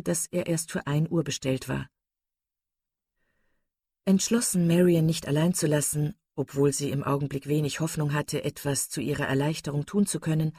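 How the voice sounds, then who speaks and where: A woman narrating an audiobook in a measured, steady reading voice, close to the mic. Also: low-pitched, husky, no echo. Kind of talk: scripted narration.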